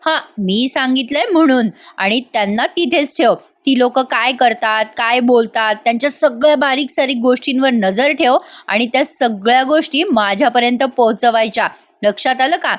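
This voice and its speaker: A woman's voice: a little high, moderate pace, natural voice. Woman voicing a scheming villainous sister-in-law. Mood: sly. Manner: taunting, menacing, bossy.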